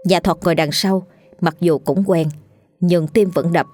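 A woman narrating a ghost story in a lively, dramatic way. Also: lowish voice, measured pace, faint music behind.

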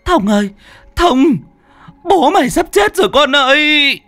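Guy putting on a shrill old granny wailing for her son, twang, dry close sound. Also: big pitch swings, a little slow, pushed and bright, no room sound, soft background music, full character voice. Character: old peasant woman, distraught mother, wailing.

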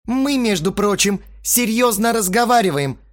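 A man voicing a hot-headed young male band frontman who shouts indignantly. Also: high-pitched, expressive, normal speed, pitched above the performer's own voice. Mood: indignant shouting.

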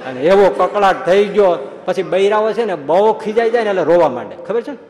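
A male preacher giving a sermon, telling lively stories and playing out their people. His voice sits fairly high. It carries through a large hall with long reverb and a faint hum underneath. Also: a little fast. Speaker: swami preacher. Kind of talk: storytelling sermon. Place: large hall at a religious school.

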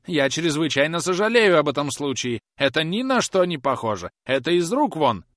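A man reading an audiobook aloud, voicing a vindictive, croaking old woman housekeeper who screeches her spite. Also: fairly high pitch, very animated, fairly quick, fairly bright tone, dry recording, clean studio sound, voice pushed up. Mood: spiteful. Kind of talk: audiobook character voice.

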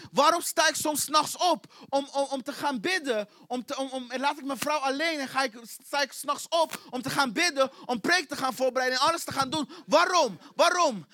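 In a church, a male pastor preaches to his congregation with fervent, repetitive intensity, asking the same question over and over. His voice is very high for a man, bright and forceful. The sound is dry and close-miked, with no echo.

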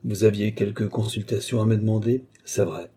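A man's voice: on the low side, normal speed, warm tone, husky. A man reading aloud and voicing a suave, courtly sorcerer who speaks with sly assurance in an audiobook. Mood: assured.

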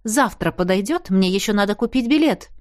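A woman reading the part of a wary, irritated young heroine in an audiobook, terse and sharp. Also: medium pitch, animated, brisk, no echo, clean studio sound, natural voice.

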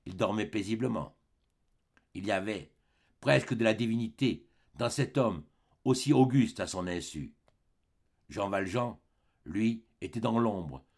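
A man narrates a classic novel as an audiobook, with measured, expressive storytelling. His voice is gravelly and a little husky, and his pitch moves widely from phrase to phrase. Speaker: audiobook reader.

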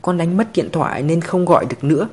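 A man voicing a stubborn, tearful little girl in a storybook reading, in a high childish pleading voice. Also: fast, darkish tone, slightly rough. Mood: sobbing.

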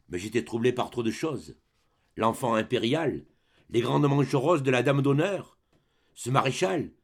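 A man reading the part of a boastful old grenadier sergeant, declaiming rhythmic verse in a dramatic reading of a play. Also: mid-range voice. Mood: storytelling.

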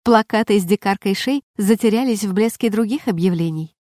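A woman narrating an audiobook in an even, measured reading voice. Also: mid-range voice, dry recording, clean studio sound. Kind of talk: scripted narration.

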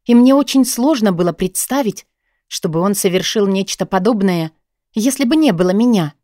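A woman's voice: mid-range voice, lively intonation, moderate pace, warm tone, no room sound, studio quality. A woman reading a novel aloud in first person, emotional and pleading in the heroine's dialogue. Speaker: audiobook narrator. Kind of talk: scripted first-person narration.

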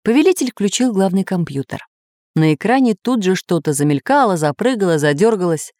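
A woman's voice: mid-range voice, brisk, no room sound, clean studio sound. Woman narrating a children's audiobook. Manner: expressive storytelling.

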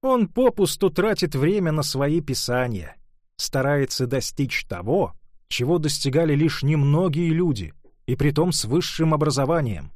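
A man voicing a proper middle-aged mother who lectures her daughter in a measured, disapproving way. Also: fairly high pitch, expressive, dry recording, studio quality, close to an everyday voice.

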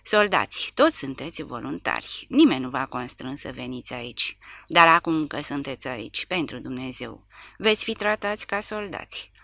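A woman's voice: extremely low pitch, lively intonation, gravelly, bright, forceful tone, dry recording, clean studio sound, full character voice. A woman reading aloud, voicing a grandiloquent male officer giving a pompous speech to troops.

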